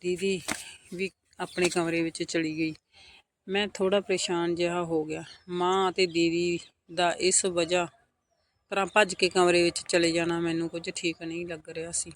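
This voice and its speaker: A man tells a family drama in the first person, speaking every character's lines in his own voice. He sits high in pitch and stays level and even throughout, with an earnest, measured delivery. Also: slight background noise. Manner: steady, earnest retelling of family drama, voicing all quotes. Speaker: storyteller. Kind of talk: scripted first-person story narration.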